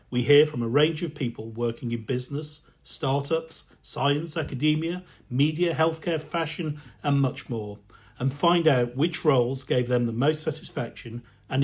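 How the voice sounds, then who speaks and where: A man hosting a podcast interview, speaking in a measured way with some hesitant fillers. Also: medium pitch, a little mellow, husky. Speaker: podcast host.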